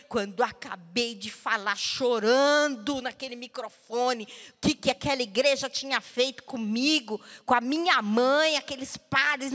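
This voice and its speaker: A woman, a guest speaker, telling a personal story to an audience, swinging between loud outbursts and hushed low tones. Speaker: guest speaker at a panel talk. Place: large hall at a cultural center. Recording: long hall reverb.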